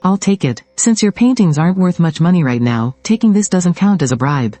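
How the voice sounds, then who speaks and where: A respected elderly patriarch, formal and effusive in his praise in a story recap, as a narrator voices him. His tone is mellow and darkish, close and dry, with faint music behind. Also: sits high, lively intonation, brisk, dry recording.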